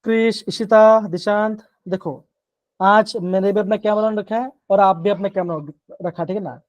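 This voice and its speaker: A man's voice: high voice, fairly even intonation, moderate pace, no room sound. A man teaching chemistry in a live online class, explaining step by step, repeating himself and often checking that the students follow. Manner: coaxing, keeps checking in with the class.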